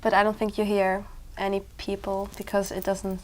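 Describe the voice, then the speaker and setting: A young woman talks her way through ideas in a spoken exam. She keeps an even, flat intonation and a relaxed, conversational manner. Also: mid-range voice, normal speed. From Switzerland. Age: young adult. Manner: conversational, thinking aloud. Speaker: exam candidate.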